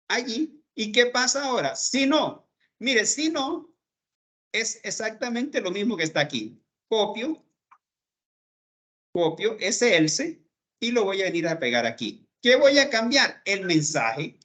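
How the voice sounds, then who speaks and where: In this screen-recorded coding lesson, a man with a high-pitched, pushed, bright voice teaches a programming class. He explains the code slowly, step by step, checking in with his students by asking "¿verdad?" as he goes.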